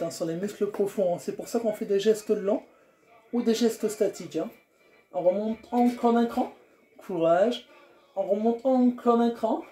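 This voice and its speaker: A man's voice: sits high, mellow. A man coaching a home workout, counting down reps and urging the listener on. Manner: encouraging, counts down reps, coaxing. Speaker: fitness coach. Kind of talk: guided home workout instruction. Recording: roomy with faint music.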